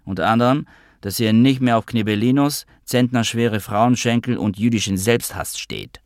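A man narrating a literary audiobook in a wry, measured storytelling manner. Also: medium pitch, a little mellow, no echo, clean studio sound.

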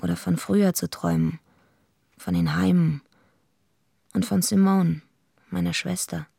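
An actress playing a tough, surly wrestling villainess who tells her own story in a radio play, blunt and deadpan, with a raspy, gravelly voice. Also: fairly low pitch, measured pace, dry recording, clean studio sound, full character voice. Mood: brooding, confiding. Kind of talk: first-person radio play narration.

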